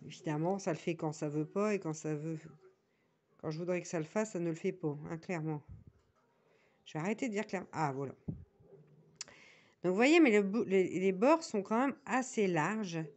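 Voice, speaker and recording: A diamond painting vlogger from northern France, with a Nord accent, speaks in a lowish voice at a moderate pace with frequent pauses. She rambles casually to viewers while showing her crafting tools, full of fillers, restarts, and chatty asides.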